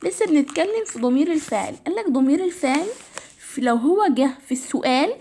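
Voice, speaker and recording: Speaking quickly in a high, warm, animated voice, this Egyptian-accented woman walks through English grammar one step at a time in a relaxed way. She keeps saying "تمام", and her voice comes across as tired and a little strained.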